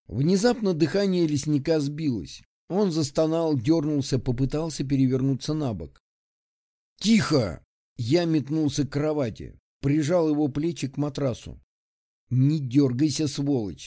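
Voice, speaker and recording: Male narrator, first-person audiobook, steady measured delivery, fairly high pitch, mellow tone.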